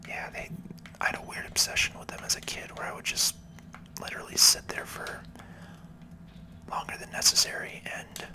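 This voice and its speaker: In this ASMR video game commentary, the speaker stays near the microphone and keeps the talk gentle, casual and slow. The whisper itself is breathy and soft, with a creaky fringe.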